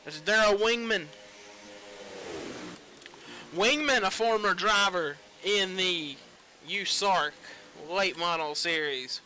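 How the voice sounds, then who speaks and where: A young man giving casual play-by-play commentary on a sim racing league, rambling between team names and growing excited at the finish. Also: high voice, slow pace, pauses often, slight background noise, low-quality recording. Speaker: race commentator.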